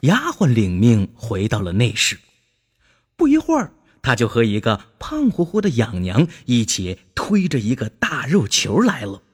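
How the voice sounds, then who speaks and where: A man narrating a scripted children's story in an expressive way, drawing out his exclamations. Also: mid-range voice, measured pace, slightly rough.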